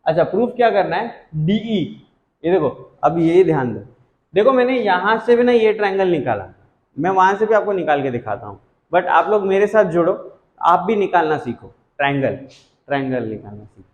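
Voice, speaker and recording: A man's voice: high voice, sing-song, moderate pace. A young man teaching a math lesson, chatty and reassuring, teasing his students as he works sums aloud. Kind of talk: casual whiteboard math lesson. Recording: echoey room, dull lo-fi sound.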